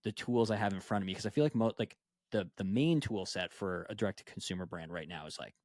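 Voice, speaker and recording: A young adult man hosts a casual podcast, chatting loosely and leaning on "like" as filler. His voice is on the lower side. The recording is dry and close-miked. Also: fast, darkish tone, dry recording. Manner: casual, filler-heavy, says "like" constantly. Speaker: podcast host.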